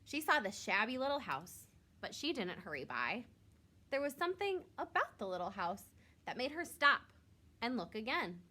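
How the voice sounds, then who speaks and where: A woman reading a picture book aloud to young children, expressively, drawing out words for emphasis like a teacher. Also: a little high. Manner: expressive, with drawn-out emphasis and questions to listeners.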